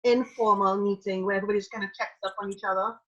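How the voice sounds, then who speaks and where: Racing along at medium pitch, this woman's fairly bright voice keeps a fairly even intonation despite dull audio. She has a Trinidadian accent and interviews a guest in a casual live-streamed chat, enthusiastic and energetic, sometimes slipping into preaching.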